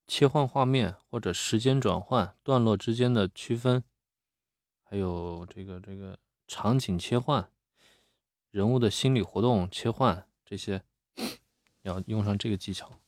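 Man, reading coach, low voice, dry close sound, plain-spoken, repeats words while thinking. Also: unhurried, a little mellow, no echo. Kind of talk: live critique of reading aloud.

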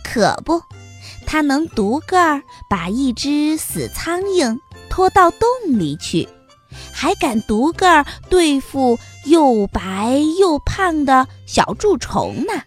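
High, lively woman telling children's stories. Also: slow pace, soft background music. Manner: gentle, sing-song storybook telling. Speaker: storyteller. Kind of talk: children's story narration.

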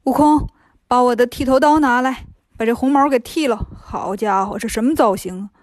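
A woman voicing a gentle, fussy male monk master in a storybook reading, mild in manner. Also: on the high side, normal speed, no echo, studio quality, natural voice.

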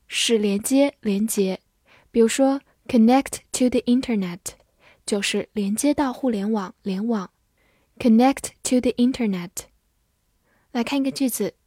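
A woman teaching English vocabulary, spelling words letter by letter and modelling slow repetitions. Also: on the high side, mellow, no echo, clean studio sound. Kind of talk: vocabulary lesson, spelling and slow read-alouds.

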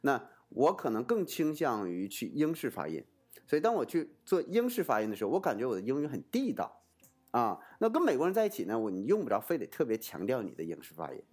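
A man speaking in a casual, explanatory way, like an advisor talking someone through a choice. His pitch swoops up and down freely, which makes him sound lively. He poses rhetorical questions and answers them himself, and his sentences keep restarting around little fillers. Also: fast, breathy edge. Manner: animated, swooping intonation.

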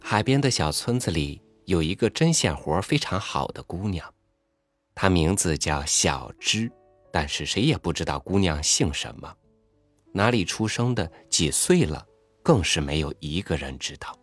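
A man reading a story aloud in a soft, intimate, expressive way, sometimes dropping to a hush. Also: deep voice, moderate pace, soft background music.

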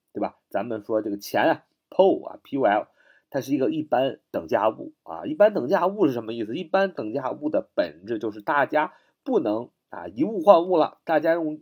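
A man's voice: mid-range voice, a little mellow. A man teaching English vocabulary in a spoken lesson, spelling words out letter by letter and repeating them patiently. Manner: patient, repetitive, ends phrases with drawn-out particles.

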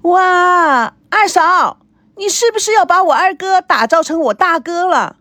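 A woman voicing an excitable, spoiled teenage girl who squeals. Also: moderate pace, no room sound. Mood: squealing. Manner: shrill, squealing.

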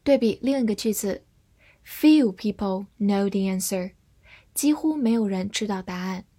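Slow, breathy woman teaching vocabulary. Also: medium pitch, mellow. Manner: slow, careful, spells words letter by letter. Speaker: English teacher. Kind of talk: scripted vocabulary lesson.

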